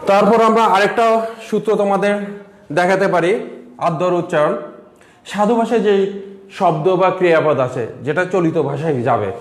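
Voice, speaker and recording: A man's voice: sits high, moderate pace, pauses often. A male college teacher giving a recorded lesson, explaining step by step and asking questions that he then answers himself while writing on a board. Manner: writes on a board while talking. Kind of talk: online lesson on Bengali pronunciation. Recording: echoey room.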